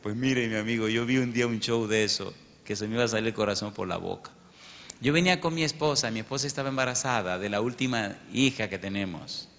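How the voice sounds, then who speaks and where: A man's voice: lowish voice, fast talker. A man preaching as a pastor, telling a dramatic story and acting out the dialogue and sound effects. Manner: animated, acts out sounds and dialogue. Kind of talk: storytelling sermon. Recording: lo-fi recording in a reverberant hall.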